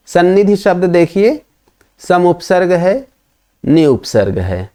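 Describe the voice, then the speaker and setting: A man's voice: on the high side, a little mellow. A man teaching Sanskrit grammar in a patient lecture, asking questions and answering them himself. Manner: patient, repeats and questions to explain. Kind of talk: explanatory lesson.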